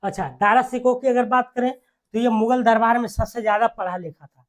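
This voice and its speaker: This exam-prep teacher talks in a classroom manner, repeating key words and tossing in quick check questions with tag phrases. Her pitch is medium.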